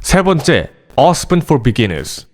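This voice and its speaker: A man hosting an education channel, giving a scripted, animated explainer aimed directly at parents. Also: on the high side, extremely slow. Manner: lively, animated delivery addressing parents directly.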